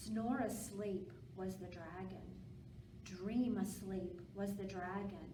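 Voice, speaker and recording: A woman presents a children's storytime, reading aloud slowly in a mid-range voice with fairly even intonation, keeping her speech simple and encouraging. Echo, background noise, and a distant mic mark the recording.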